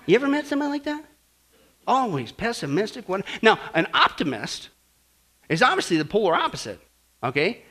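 A male pastor delivering a sermon, lively and animated as he tells jokes and anecdotes. His voice sits high and bright, swooping widely before dropping low and quiet to press a point home. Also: fairly quick.

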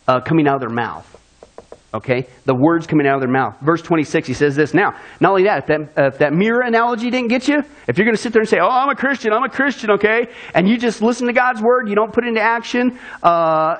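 A man preaching from the pulpit with a high, lively voice. He talks in a folksy, down-to-earth way, slipping into little acted-out voices to make his point to the congregation. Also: poor audio. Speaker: pastor. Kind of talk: sermon.

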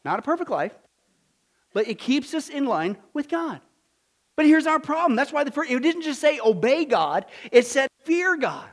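A man's voice: extremely high pitch, very animated, moderate pace. A man preaching a sermon as a pastor, emphatic and exhorting, with rhetorical questions and short, punchy repetitions.

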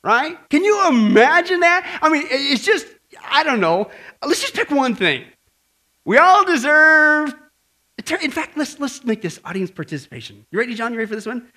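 A man preaching a sermon as pastor in a church, lively and conversational, acting out voices and asking the congregation questions. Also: extremely high pitch, brisk. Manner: animated, acts out grumbling voices and asks the audience questions.

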